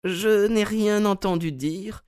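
A woman's voice: mid-range voice, takes it slowly, darkish tone, clean tone, dry recording, clean studio sound, lightly acted. A woman voicing an earnest, troubled widow telling her story in an audio drama.

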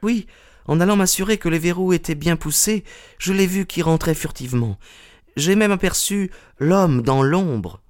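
A man's voice: sits high, moderate pace, darkish tone, no room sound, close to an everyday voice. A man voicing an earnest young woman. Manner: polite, sincere. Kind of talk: audiobook character reading.

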